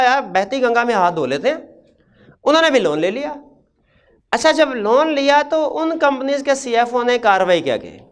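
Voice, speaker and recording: A man's voice: extremely high pitch, clear, resonant tone. A man lecturing on accounting, asking his class questions and answering them himself, step by step. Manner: explains step by step, asks and answers own questions.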